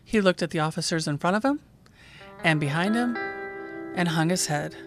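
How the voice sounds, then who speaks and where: A woman, a 911 dispatcher who hosts her own podcast, calmly narrating a true call in scripted form. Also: lowish voice, moderate pace, music in the background.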